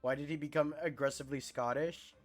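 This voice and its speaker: A man's voice: on the high side, fairly even intonation, a little fast, faint music behind. A man chatting casually and joking while streaming a game, laughing often.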